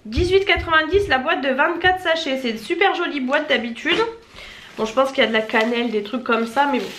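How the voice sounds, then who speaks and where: A young woman with a Marseille accent rambles cheerfully through a home vlog, correcting her own slips as she goes. Her voice sits high. The room is echoey, with a faint hum of noise behind her. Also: brisk, fairly bright tone. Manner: chatty, rambling, self-correcting. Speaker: family vlogger. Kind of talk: casual unboxing chat to camera.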